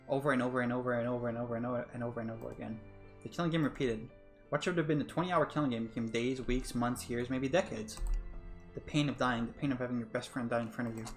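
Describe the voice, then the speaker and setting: Man doing a worn-down young heroine, fast, medium pitch, faint music. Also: natural voice. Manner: despairing first-person narration, repeating herself. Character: young woman trapped in a time loop, worn down. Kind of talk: narrating a game in character.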